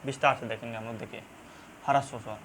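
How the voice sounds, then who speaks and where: A male teacher with a Banarasi accent giving a classroom grammar lesson. He repeats key terms, checks in often and pauses with many fillers. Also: mid-range voice, fairly even intonation, fairly bright tone, a little hiss or hum. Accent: Banarasi Hindi. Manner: halting, many fillers and restarts.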